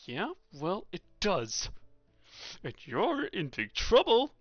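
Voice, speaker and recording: A man voicing a bossy young hall monitor with animal ears who shouts indignantly at rule-breakers. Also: high-pitched, wildly swooping pitch, takes it slowly, highs cut off, soft background music, voice pushed up, full character voice. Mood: self-important.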